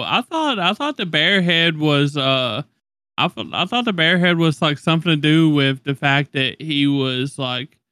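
A man's voice: on the high side, bright, forceful tone, smooth, no room sound, studio quality. A man co-hosting a podcast in casual chat, hesitant and restarting his sentences. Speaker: podcast co-host.

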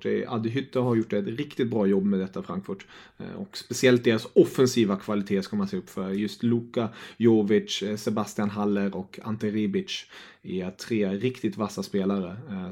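A man's voice: lowish voice, a little mellow. A man from Germany, a guest on a football podcast, talking casually and hesitantly with many fillers.

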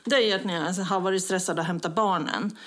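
A woman's voice: fairly low pitch, a bit bright. A married woman chatting casually, laughing often and imitating the people in her stories. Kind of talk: casual chat, telling anecdotes.

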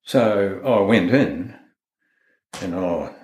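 A man with a broad New Zealand accent talks informally and bluntly, recalling things as they come. His voice is low, and the room adds noticeable echo around it. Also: expressive, very slow, darkish tone. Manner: plain-spoken, no-nonsense, mildly sweary. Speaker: interviewee, friend of the person discussed. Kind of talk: informal recollection in a sit-down interview. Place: indoors in a house. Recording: roomy, echoey home interview.

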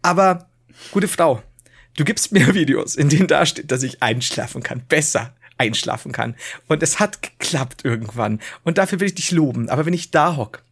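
Male podcast co-host, slightly high voice, rambling animated storyteller, casual chat. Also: normal speed, husky. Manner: rambling, animated storytelling with laughs and acted outbursts.

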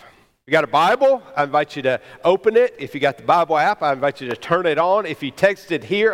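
A middle-aged man preaching a sermon, conversational and animated, full of rhetorical questions. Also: a little high, big-room sound. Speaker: pastor.

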